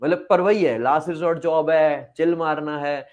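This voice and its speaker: A man's voice: on the high side, fairly even intonation, moderate pace, darkish tone. A man, a former school teacher, speaking outspokenly in a casual interview and mixing English phrases into his talk. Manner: outspoken, mixes English into Hindi.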